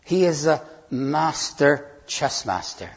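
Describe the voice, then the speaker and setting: A man delivers a sermon in a church, earnest and a little halting, leaning hard on key words. His voice sits fairly high and has a husky edge. The recording is dull and lo-fi. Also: expressive. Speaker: preacher. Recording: dull, lo-fi sound.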